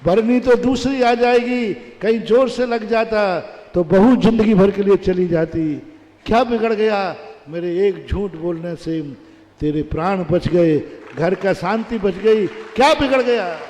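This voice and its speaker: A man voicing an old mother-in-law who scolds with quick retorts, recorded in an echoey hall. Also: high voice, pitched above the performer's own voice, natural voice. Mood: tender. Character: sharp-tongued old mother-in-law, woman, protective.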